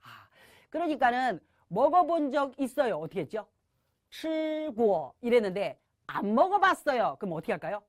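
A middle-aged woman teaching a language lesson, leading students in repeated drills with call-and-response cues and slowly modeled phrases. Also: a little high, big pitch swings, dry recording, studio quality.

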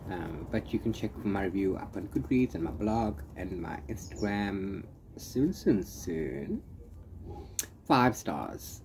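In a deep voice with lively intonation, a man takes his time rambling through a casual book review vlog and tailing off into repeated fillers. He's outdoors beneath an open-sided corrugated-iron shelter, where background noise and open-air ambience come through clearly.

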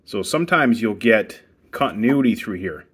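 Brief: man, lowish voice, plain practical hot tub technician walking through a repair outdoors. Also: lively intonation, normal speed, a bit bright, slightly rough. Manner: plain, practical step-by-step instructions. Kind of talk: casual how-to demonstration. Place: outdoors beside a hot tub equipment bay.

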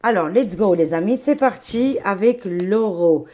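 A woman's voice: medium pitch, animated, measured pace, mellow. Woman doing a casual tarot reading, chatty, exclamatory, friendly with viewers. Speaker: tarot card reader.

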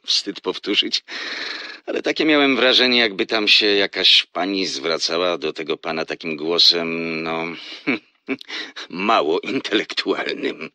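A man's voice: deep voice, slow pace, sharp tone, no room sound, exaggerated voice. An actor playing a flirtatious, teasing salesman in a radio drama who laughs often as he talks on the phone. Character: flirtatious smooth-talking male salesman on phone.

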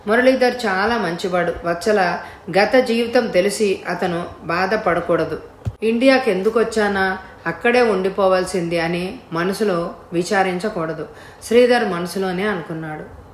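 A woman narrating an audiobook story in a steady, measured voice. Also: medium pitch, roomy sound, a little hiss or hum.

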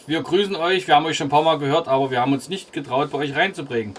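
Young male CB operator, casual radio chat, slightly high voice, loud noise and clicks. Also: very fast. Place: small caravan on a hill, indoors. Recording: very noisy, clicks, radio sounds.

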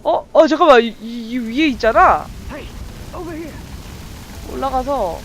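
Excitable high-voiced woman game streamer. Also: a little slow, slight background noise, rough recording. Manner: excitable, talks to viewers while playing. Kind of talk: let's play commentary.

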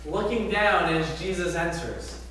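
Middle-aged male pastor, high voice, lively sermon with rhetorical questions; distant camera in a reverberant sanctuary with faint hiss. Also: a little slow. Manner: animated preaching with rhetorical questions and arm gestures. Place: large church sanctuary, indoors. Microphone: far camera at back of church. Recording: very echoey sanctuary from far off.

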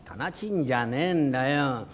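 A rakugo storyteller voicing a proud, hot-tempered tofu shop owner who talks loud and rough in an old Edo manner. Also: male voice, medium pitch, animated, moderate pace, pitched below the performer's own voice, lightly acted. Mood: blustering. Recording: dull lo-fi old recording.

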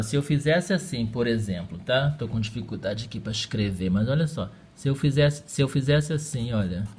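A man teaching English in a recorded lesson, speaking patiently and checking in often with his students. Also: medium pitch. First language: Portuguese.

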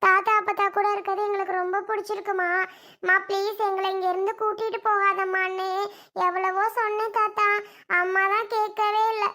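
Here is a woman voicing a young child in a family skit. The voice is very high and bright. The child pleads and apologizes earnestly. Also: level tone, fairly quick. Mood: pleading.

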